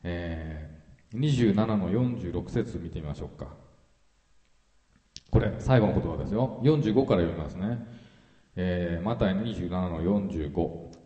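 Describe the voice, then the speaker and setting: Man, pastor, sermon, reads scripture, explanatory, fillers, mellow voice, roomy hall echo. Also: sits low, lively intonation, measured pace, long pauses, lo-fi sound. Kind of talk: sermon with Bible reading.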